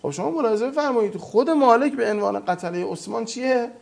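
A man's voice: extremely high pitch, creaky, a little mellow. A man speaking as a guest on a talk program, retelling religious history emphatically with quoted dialogue. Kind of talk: animated lecture-style storytelling.

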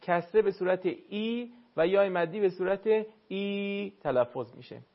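A man teaching Quran recitation to a caller, courteous and explanatory, sounding words out slowly to demonstrate. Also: high voice, animated, highs cut off. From northern Iran. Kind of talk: call-in recitation lesson.

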